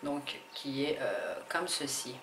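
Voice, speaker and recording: A woman's voice: rumbling low, expressive, slow, noisy background. A woman hosting a casual beauty haul vlog, talking hesitantly with many fillers and restarts. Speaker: beauty vlogger. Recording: echoey room with faint ambience.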